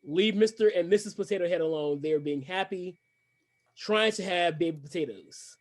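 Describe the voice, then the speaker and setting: A man's voice: high voice, normal speed. A man co-hosting a podcast in casual chat, opinionated and rambling with restarts. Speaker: podcast co-host.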